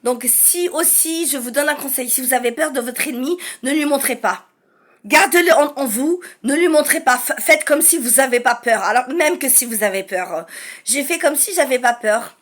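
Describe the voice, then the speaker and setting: A woman with a notably high voice tells a personal story straight to the listener. Her delivery is halting and full of restarts, and she acts out the dialogue as she goes. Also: lively intonation. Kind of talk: personal testimony to camera.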